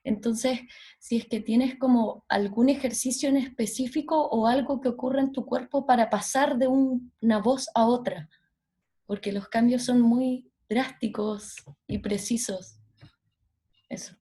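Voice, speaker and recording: Woman asking from the audience, measured, higher voice, mellow tone. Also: steady tone. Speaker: audience member asking a question. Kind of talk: question from the audience.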